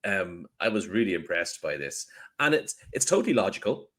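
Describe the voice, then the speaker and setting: A man co-hosting a podcast, arguing his point in casual debate with wry, deadpan sarcasm. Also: low-pitched, normal speed. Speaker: podcast co-host.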